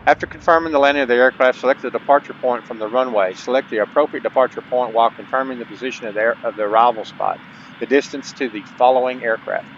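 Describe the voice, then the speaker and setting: Fast and steady in tone, this medium-pitched man hosts a gaming channel and narrates a gameplay tutorial. He reads out the on-screen instructions between casual, folksy remarks to viewers, and the dull lo-fi mic picks up faint background noise.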